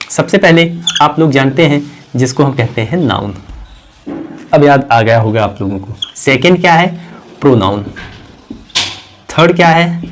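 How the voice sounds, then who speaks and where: Male teacher, a bit high-pitched, quizzes and repeats, throat-clearing habit. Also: slight background noise. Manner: asks questions and answers them himself, repeats key words; clears his throat now and then. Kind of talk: classroom grammar lesson.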